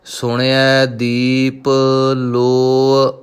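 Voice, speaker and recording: A man teaching the correct pronunciation of scripture, reciting each verse slowly and then explaining patiently. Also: medium pitch, completely flat delivery, clean tone.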